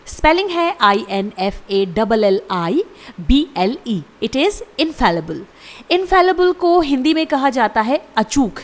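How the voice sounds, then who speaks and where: A woman teaching an English vocabulary lesson, her fairly high voice rising and falling a great deal. She spells each word letter by letter and says it slowly and deliberately. Her tone stays measured and instructive. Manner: slow deliberate spelling and pronunciation drills.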